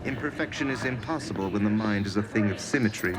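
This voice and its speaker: An actor playing a stern male propaganda announcer in a video game, his formal, dogmatic proclamations carried over an air raid style loudspeaker. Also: fairly low pitch, fast talker, over a noisy crowd. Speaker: station public address announcer.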